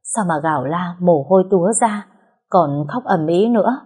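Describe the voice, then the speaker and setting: A woman's voice: fairly low pitch, animated, normal speed, warm tone, husky. A woman voicing an anxious, caring older aunt who fusses over her niece. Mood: worried. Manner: fretful, fussing.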